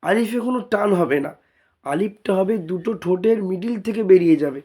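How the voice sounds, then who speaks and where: A man from India with a Bengali accent teaching Arabic letters, repeating each sound several times in a slow spoken lesson. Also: high-pitched, animated, a little mellow, slightly rough.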